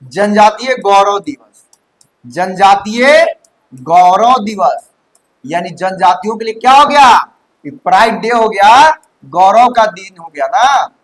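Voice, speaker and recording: High-voiced male coaching teacher. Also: lively intonation, measured pace, a bit bright, low-quality recording. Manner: checks understanding often, mixes English terms into Hindi. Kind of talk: classroom lecture. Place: classroom.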